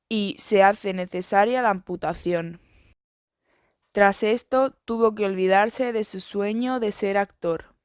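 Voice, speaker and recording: Woman narrating a school lesson, smooth clean voice, dry close sound, steady pace. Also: mid-range voice, dry recording. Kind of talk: read educational narration.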